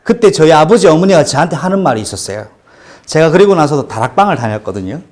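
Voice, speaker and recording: A middle-aged male pastor preaching a sermon, telling his own testimony with animated storytelling. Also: a little high, quick pace. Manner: animated storytelling testimony, acting out quoted cries.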